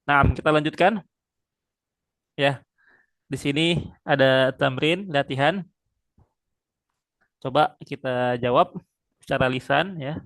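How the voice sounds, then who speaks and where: A man's voice: a little high, a bit bright, no echo. Man, Arabic tutor, patient drilling, dry close sound. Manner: patient, slow drilling with frequent pious interjections. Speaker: Arabic teacher. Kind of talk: online one-on-one language lesson.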